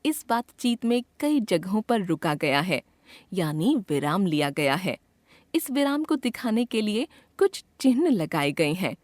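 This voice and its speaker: A woman teacher narrating a scripted grammar lesson in a clear, expressive way, acting out example sentences. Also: mid-range voice, no room sound.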